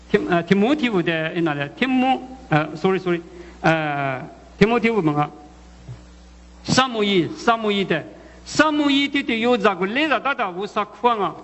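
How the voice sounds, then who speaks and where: A man preaching a sermon, talking haltingly, repeating words and putting questions to the listeners. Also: high voice, very animated, a bit bright. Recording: muffled audio with long hall echo.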